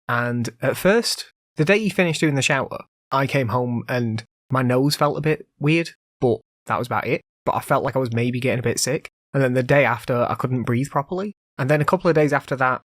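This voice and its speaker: A man with a medium-pitched voice hosts a casual solo podcast, rambling conversationally and using lots of fillers. He's still recovering from an illness, so his voice occasionally cuts out. The recording is dry, with clean studio sound.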